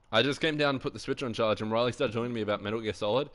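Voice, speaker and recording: A man's voice: mid-range voice, a bit bright. A young man streaming live, rambling through anecdotes in casual chat, swearing often and laughing a lot.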